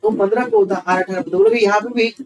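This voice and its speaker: A man's voice: high-pitched, steady tone, racing, darkish tone, distant mic, a little hiss or hum, poor audio. A man teaching reasoning. He works through sums aloud, asks questions and answers them himself, and keeps repeating each step. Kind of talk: online exam-prep class.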